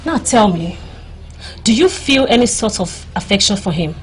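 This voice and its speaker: An actress playing a playful young village woman with a husky voice, teasing her friend insistently. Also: medium pitch, expressive, moderate pace, a little hiss or hum, lightly acted.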